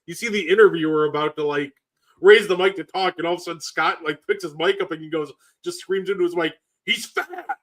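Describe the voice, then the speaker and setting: A man's voice: fairly high pitch, steady tone, fast. A man co-hosting a podcast in casual chat, enthusiastic and full of "like"s. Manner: enthusiastic, filler-heavy with many "like"s. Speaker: podcast co-host. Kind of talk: casual chat about wrestling.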